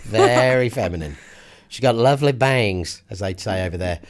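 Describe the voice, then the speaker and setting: British male podcast host, lively intonation, rambling casual banter with dry, teasing humour. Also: on the low side, normal speed.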